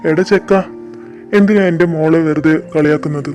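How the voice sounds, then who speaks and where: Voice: mid-range voice, normal speed, darkish tone, close to an everyday voice. A voice actor playing a doting, indulgent middle-aged father in a fan dub drama, with faint music behind. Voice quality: affectionate, easygoing.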